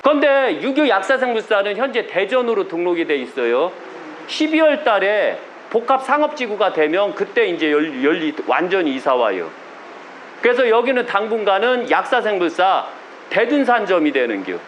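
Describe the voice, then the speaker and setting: A man's voice: sits high, very animated, moderate pace, a little hiss or hum. A man with a Chungcheong Korean accent, a religious leader giving a blunt sermon to his followers, often asking rhetorical questions.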